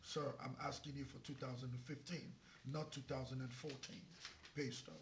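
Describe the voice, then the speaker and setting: A man's voice: mid-range voice, little pitch movement, normal speed, a little hiss or hum, lightly acted. A man playing a skeptical, formal immigration officer in a comedy sketch, insistent and repeating his questions. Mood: firm, polite.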